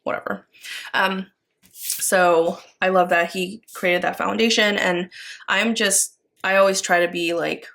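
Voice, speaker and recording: Rambling American woman with heavy vocal fry. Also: medium pitch, steady tone, unhurried, a bit bright. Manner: rambling, thinking aloud. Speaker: craft vlogger. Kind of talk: casual chat while working.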